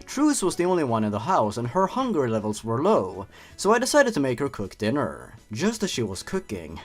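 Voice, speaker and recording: Over background music, a young man tells and comments on an internet horror story for his YouTube channel, slipping in wry, playful remarks. His medium-pitched voice swings hugely in pitch while keeping a normal pace.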